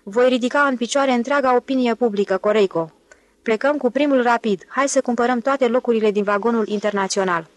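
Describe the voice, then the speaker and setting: A woman's voice: a little high, no echo, close to an everyday voice. A woman reading the part of a brash, bossy male con man in an audiobook, in a pushy, boisterous manner. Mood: indignant.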